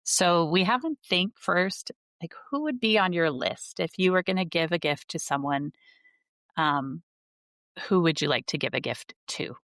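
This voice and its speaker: A woman with a low voice talks about her library work in an earnest, conversational way. She uses lots of fillers and restarts. The sound is dry and close. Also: expressive, measured pace, a bit bright, no echo. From United States. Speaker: school librarian, guest. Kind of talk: casual conversation.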